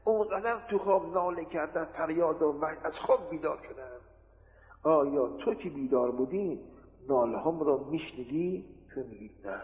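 A man giving a religious lecture, explaining with rhetorical questions and everyday examples. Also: on the high side. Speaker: preacher. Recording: tinny lo-fi recording in an echoey hall.

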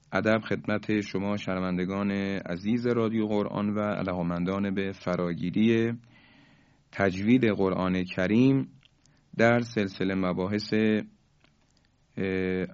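A man giving a calm radio lesson on recitation rules, stretching the example words out slowly. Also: fairly low pitch, clean tone, no room sound, lo-fi sound. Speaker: Quran recitation teacher on radio.

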